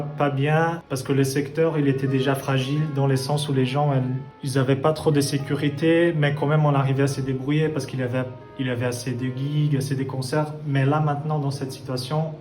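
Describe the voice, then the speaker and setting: A man's voice: mid-range voice, darkish tone. A Brazilian jazz musician, a man, answering interview questions thoughtfully, with frequent hesitations and restarts. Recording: echoey room with faint music.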